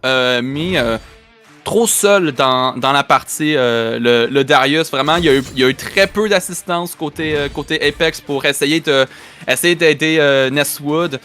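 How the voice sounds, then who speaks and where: A man's voice: on the high side, unhurried, fairly bright tone, faint music behind. A man with a Quebec French accent giving live esports match commentary, often repeating and restarting his phrases. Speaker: esports play-by-play caster.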